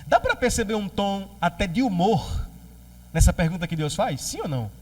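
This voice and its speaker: A man with a Brazilian Portuguese accent preaching a sermon as pastor, lively and joking, acting out quoted voices. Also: sits high, moderate pace, far from the mic.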